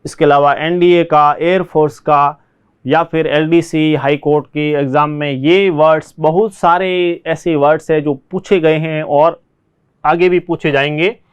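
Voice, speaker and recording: High, smooth-voiced Indian man teaching English vocabulary. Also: fairly even intonation, lo-fi sound. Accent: Rajasthani Hindi. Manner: drills words by repeating them slowly, then explains in Hindi; urges students to write answers quickly. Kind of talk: online spoken English lesson.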